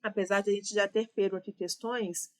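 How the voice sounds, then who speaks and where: A woman's voice: medium pitch, fairly even intonation, brisk. A woman with a Brazilian Portuguese accent teaching an exam-prep grammar lesson, explaining answers step by step and checking in with her students.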